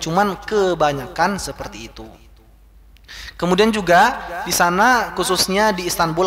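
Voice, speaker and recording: A man, a religious teacher, telling chatty, animated anecdotes in a casual talk, with frequent fillers. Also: sits high. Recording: roomy hall reverb.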